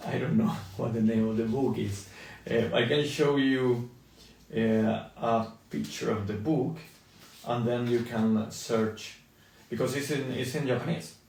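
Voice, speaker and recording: A middle-aged man from Spain, chatting casually and haltingly on a live stream, with many ums and restarts. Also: medium pitch, vocal fry, a little mellow, a little hiss or hum. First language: Spanish. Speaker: toy designer on a live stream. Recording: echoey room, mic at a distance.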